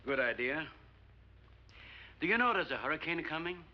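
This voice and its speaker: A man's voice: a little high, big pitch swings, normal speed. An actor playing an older male scientist who hosts guests on an island, speaking in a formal, explanatory manner. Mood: earnest. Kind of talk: 1950s film acting. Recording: dull old film soundtrack with faint music.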